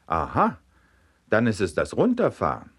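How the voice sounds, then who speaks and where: A gushing, talkative young lady, put on by a man reading jokes aloud, full of eager questions and bragging. The voice sits noticeably higher than his own and swings widely in pitch. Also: wildly swooping pitch, normal speed, breathy edge, full character voice. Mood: curious. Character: chatty, boastful young lady.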